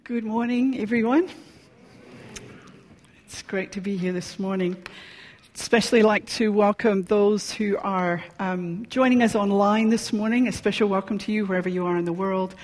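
A woman's voice: medium pitch, steady tone, normal speed, darkish tone. Scottish woman preaching in a reverberant hall. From Scotland. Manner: conversational and personal, with frequent ums. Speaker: pastor. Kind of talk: sermon. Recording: long reverb of a large hall.

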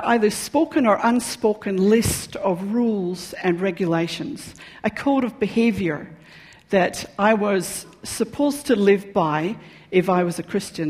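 Scottish woman preaching in a reverberant hall. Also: medium pitch. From Scotland. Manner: conversational and personal, with frequent ums. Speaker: pastor. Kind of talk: sermon. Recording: long reverb of a large hall.

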